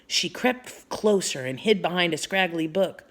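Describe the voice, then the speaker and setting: Slow, low-voiced woman reading aloud. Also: animated. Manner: warm, explanatory, speaking to children. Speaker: read-aloud storyteller. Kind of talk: reading a children's book aloud.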